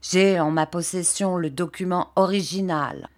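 A woman voicing a pompous middle-aged gentleman who declaims an accusing letter in a florid manner. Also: lowish voice, steady tone, a little slow.

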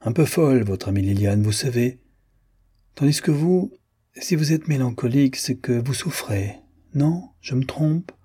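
A man's voice: medium pitch, animated, measured pace, dark tone, husky, voice pushed up. A man voicing a chatty, teasing young American society woman in an audiobook, playful and lightly mocking. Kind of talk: audiobook character voice.

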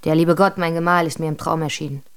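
Muddled young saint type, earnest and huffy, slightly low voice, radio play. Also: female voice, fairly even intonation, quick pace, clean tone. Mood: dreamy. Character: muddled young woman posing as Joan of Arc.

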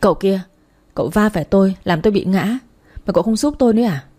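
A woman voicing a brash, talkative older woman who scolds bluntly and loudly, in a read-aloud story. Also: mid-range voice, animated, close to an everyday voice. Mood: scolding. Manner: blunt, scolding, quick to shout.

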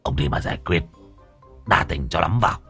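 A man voicing a grumbling, reproachful older fortune-teller in a low voice, in a spoken story. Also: normal speed, creaky, pushed and bright, breathy edge, faint music behind, heavily acted.

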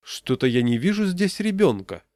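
Storybook prankster pal, high-pitched and mocking, as a male reader puts him on; dry close sound. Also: expressive, normal speed, darkish tone, dry recording, close to an everyday voice. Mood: mock surprise. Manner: teasing, giggly. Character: jolly joking adult man friend.

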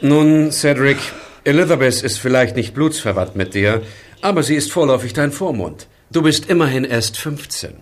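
A pompous family lawyer, acted by a man, with a swooping, animated delivery. He speaks formally and condescendingly, in radio play manner. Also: medium pitch, normal speed, slight background noise, natural voice. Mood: formal, patronising. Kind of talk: audio drama acting.

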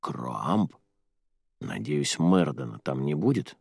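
A man reading the part of a calm, cautious young male friend in an audiobook. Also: a bass voice, takes it slowly, creaky, slightly rough, no room sound, clean studio sound, pitched below the performer's own voice, heavily acted.

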